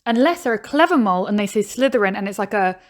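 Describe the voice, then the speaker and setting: A woman's voice: medium pitch, animated, quick pace. A woman giving casual reaction commentary on a video, chatty, thinking aloud and laughing now and then. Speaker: YouTuber reacting to a game show video.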